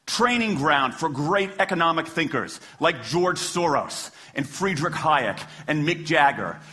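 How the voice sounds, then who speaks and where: Passionate, animated American man arguing a case. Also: a little high, measured pace. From Washington, D.C., United States. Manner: passionate closing argument, like a lawyer addressing a jury; emphatic rhetorical questions and punchy short phrases. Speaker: public speaker, former lawyer. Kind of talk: persuasive stage talk to an audience.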